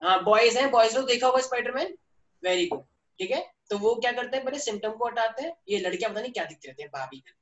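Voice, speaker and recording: A man's voice: very high voice, lively intonation, fast talker, a bit bright, far from the mic, dull audio. Male teacher, playful and teasing, storytelling, echoey room, mic set back from him. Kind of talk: online class lecture.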